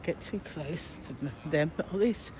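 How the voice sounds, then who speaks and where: A woman's voice: low voice, unhurried. British woman vlogging outdoors with noisy surroundings. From Britain. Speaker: travel vlogger. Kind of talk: casual rambling sightseeing narration. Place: outdoors on a city street. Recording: noisy outdoor city recording.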